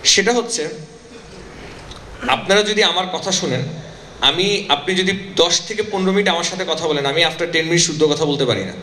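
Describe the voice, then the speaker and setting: A bright, forceful man from Bangladesh speaks with a Bengali accent carrying a Noakhali lilt, and he slips between Bengali and English as he addresses a workshop audience. His voice rings in an echoey hall, with faint ambience behind him. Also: fairly high pitch, moderate pace, pauses often, slight background noise. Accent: Bangladeshi Bengali with a Noakhali tinge. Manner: switches between Bengali and English mid-sentence; emphatic, addresses the audience directly. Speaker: motivational speaker.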